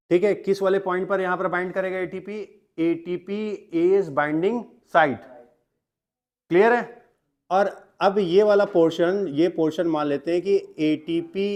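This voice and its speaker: High-voiced male teacher lecturing a class. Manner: asks the class questions and answers them himself; mixes Hindi with English terms. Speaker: biology teacher. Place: classroom with students.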